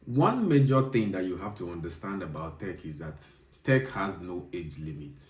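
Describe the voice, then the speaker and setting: A software developer in his thirties hosts a video, giving advice directly to viewers in an emphatic monologue that repeats key points. His low voice is animated and at normal speed, captured with a distant mic and roomy echo.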